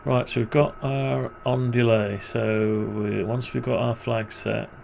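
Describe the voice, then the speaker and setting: Working through code on screen, a man talks himself through a tutorial, muttering and tossing off wry complaints. His medium-pitched voice has a darkish tone and vocal fry, moves little in pitch, and keeps a measured pace, with slight background noise.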